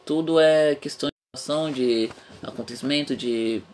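A man's voice: on the high side, normal speed, darkish tone, a little hiss or hum. A young man hosting a casual podcast, talking frankly and rambling, swearing freely. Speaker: podcast host.

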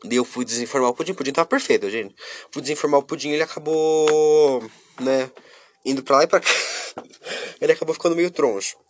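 A young man talking casually and openly to his viewers. He shifts between loud, lively bursts and quiet, subdued stretches. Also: on the high side, brisk. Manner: chatty, talks straight to viewers, often breaks off and restarts. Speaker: vlogger. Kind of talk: casual confessional monologue.

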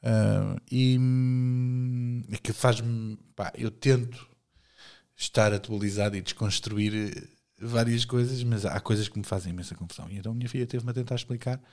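A man's voice: medium pitch, steady tone, moderate pace, a little mellow. A middle-aged man with a European Portuguese accent, co-hosting a casual podcast chat in a blunt, joking way that is full of casual swearing. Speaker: podcast co-host.

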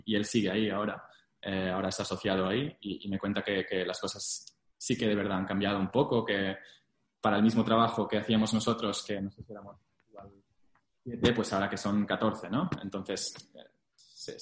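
A young man in a casual interview, recounting his career in Spanglish, dropping English business terms into his Spanish. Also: lowish voice. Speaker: interview guest, former investment banking analyst. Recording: echoey room.

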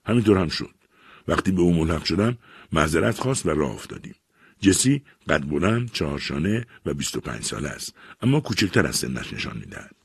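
A man reading a literary short story aloud in a measured, expressive way. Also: extremely low pitch, creaky, slightly rough, dry recording, clean studio sound. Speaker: audiobook reader. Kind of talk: scripted story narration.

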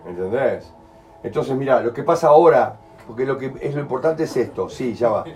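A man's voice: medium pitch, expressive, normal speed, a little mellow, poor audio. Man, Uruguayan Spanish accent, colloquial explainer, faint background music. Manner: colloquial, explains with acted examples and asks ¿entendés?. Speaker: healing workshop leader. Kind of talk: in-person talk to a small group.

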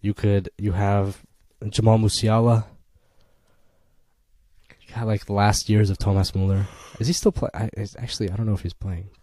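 A man's voice: lowish voice, fairly even intonation, moderate pace, mellow, no room sound. A young man co-hosting a casual football podcast, opinionated and sarcastic as he argues his picks. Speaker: podcast co-host.

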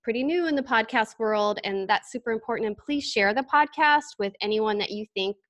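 A woman's voice: a little high, brisk, fairly bright tone. A woman co-hosting a podcast, moving between casual chat and scripted announcements. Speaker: podcast co-host.

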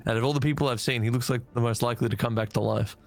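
A man with an average-pitched voice plays a tabletop game, rambling through descriptions. He jokes loosely with the group. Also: fairly even intonation, rapid-fire, gravelly, a little hiss or hum. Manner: rambling, joking. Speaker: player. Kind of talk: casual tabletop game chat.

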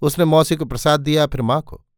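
A man narrating a short story in a steady, measured reading. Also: fairly high pitch, no echo, clean studio sound.

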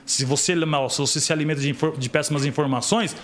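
A man's voice: fairly high pitch, fast, a little hiss or hum. A middle-aged man from Brazil, a podcast guest in casual conversation, telling stories and acting out the voices of the people in them. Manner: animated storyteller, acts out quoted dialogue.

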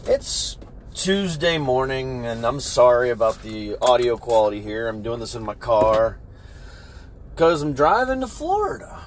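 A man in his forties hosting a rambling podcast, recorded on a low-quality Bluetooth mic inside a moving car, swearing casually and poking fun at himself. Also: very animated, unhurried. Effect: low-quality Bluetooth car audio. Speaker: podcast host. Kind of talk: rambling solo podcast talk. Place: inside a car while driving. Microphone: car Bluetooth hands-free mic. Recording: loud road noise, lo-fi Bluetooth audio. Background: car and road noise.

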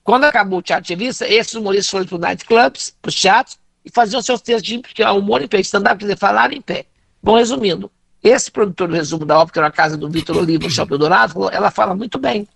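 As a comedy guest, a middle-aged Brazilian Portuguese-accented woman from Minas Gerais spins animated stories, acting out the dialogue and laughing frequently. Her mid-range voice moves at a quick pace with vocal fry, in a dry recording.

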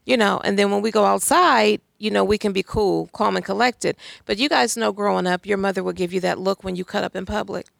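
A woman talks with emphatic, pointed conviction, pressing her points through rhetorical questions. Her voice is strongly gravelly and full of fry. The sound is close and dry, with no room around it. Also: mid-range voice, fairly even intonation, fairly quick, hardly any pauses, dry recording. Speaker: guest speaker. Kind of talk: conversational talk on faith and society.

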